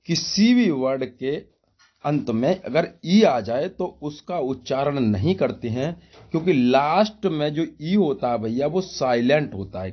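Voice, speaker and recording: The voice is a fairly high male one, and the sound quality is lo-fi. In this spoken pronunciation lesson styled like a class, he keeps posing questions to himself, drilling the material and addressing the audience as brother.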